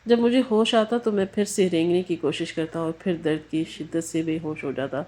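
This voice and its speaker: A woman's voice: sits low, fairly even intonation, darkish tone. A woman reading an emotional story aloud in scripted narration with a somber, grave manner.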